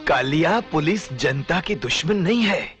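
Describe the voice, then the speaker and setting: An actor playing a stern police officer who lectures and pleads earnestly in a film melodrama. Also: male voice, fairly high pitch, lively intonation, unhurried, a bit bright, soft background music. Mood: earnest pleading.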